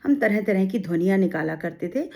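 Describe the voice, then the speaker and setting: A woman's voice: mid-range voice, expressive, fairly quick, creaky, mellow. A woman teaching a grammar lesson for exam students, in a mid-range voice. She builds each point step by step, poses rhetorical questions and answers them with everyday examples.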